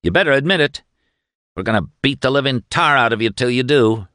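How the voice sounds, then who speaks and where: A man's voice: mid-range voice, animated, a little fast, bright, forceful tone, dry recording, clean studio sound, voice pushed up. A man doing brutal, jeering guards. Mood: threatening. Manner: threatening, jeering.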